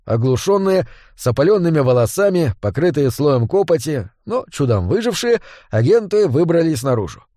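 A man's voice: on the high side, very animated, normal speed, dark tone, no echo. Man narrating an audiobook, dry close.

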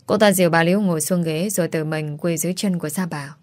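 Woman narrator, steady story reading, lowish voice, dry sound. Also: fast, no room sound.

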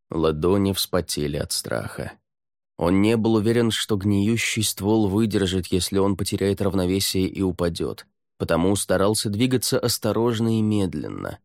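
Low voiced guy reading an audiobook, steady and measured, dry close mic, no room sound. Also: no room sound. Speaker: audiobook narrator. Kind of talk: scripted narration.

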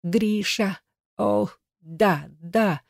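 A man voicing a passionate young woman in a story reading, with breathy gasping exclamations. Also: high-pitched, very slow, no echo, clean studio sound, pitched above the performer's own voice, heavily acted. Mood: breathless.

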